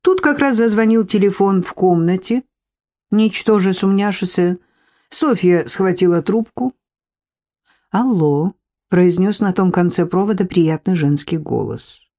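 A woman reading a comic novel aloud as an audiobook narrator, in a lively, expressive way. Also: medium pitch, a little slow. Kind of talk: scripted narration.

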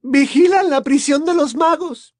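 A man putting on a prim, nervous middle-aged woman for a storybook, her voice thin and faltering. It is pitched far above his own, recorded dry and close. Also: unhurried, no room sound.

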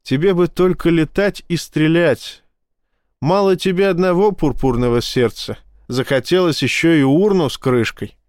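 A man's voice: on the high side, moderate pace, a little mellow, no echo, clean studio sound, pitched above the performer's own voice, natural voice. A man voicing a tired, resigned woman psychologist in an audiobook. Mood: bitter. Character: weary woman ship psychologist, bitter, sad.

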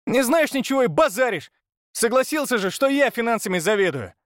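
A man's voice: extremely high pitch, big pitch swings, brisk, no room sound, clean studio sound, pitched above the performer's own voice. A man voicing a hot-headed male gambler who shrieks and snarls through his teeth in an audiobook. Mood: shrieking. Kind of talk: audiobook narration.

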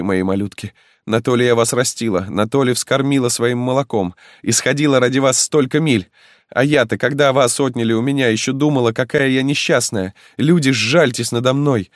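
A man's voice: medium pitch, steady tone, normal speed, no echo, clean studio sound, pitched above the performer's own voice, natural voice. A man voicing a desperate young peasant mother who wails and pleads for help. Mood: pleading. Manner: pleading, wailing cries for help.

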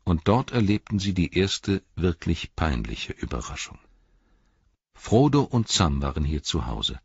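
Deep husky male storyteller. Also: a little slow, dry recording, dull audio. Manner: expressive storytelling. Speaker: audiobook narrator. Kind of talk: scripted narration.

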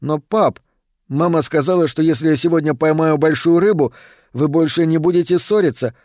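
A man reading an audiobook, voicing an eager, trusting young boy in a raised, boyish pitch. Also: normal speed, a little mellow, no room sound, clean studio sound, lightly acted. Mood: pleading.

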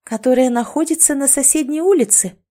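A woman reading the lines of a feisty, sarcastic young woman in an audiobook, a touch higher than her own voice. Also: mellow, natural voice. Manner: quick-tempered, mocking.

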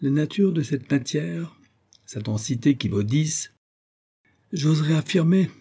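A man's voice: a little high, lively intonation, measured pace, mellow, husky, pitched above the performer's own voice, full character voice. A man voicing a cantankerous, proud old astronomer professor who lectures precisely, stressing each syllable. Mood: lecturing.

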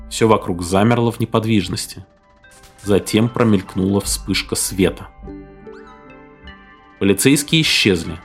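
A man narrating a story and voicing all of its figures himself. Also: lowish voice. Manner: acts out every figure's lines himself. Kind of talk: audiobook narration.

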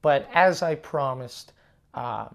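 A man hosting a casual solo podcast, rambling and halting with frequent swearing, recorded on a lav mic in an echoey room. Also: medium pitch, creaky. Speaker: podcast host and touring stand-up comedian. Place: condo room, indoors. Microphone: lavalier plugged into portable recorder.

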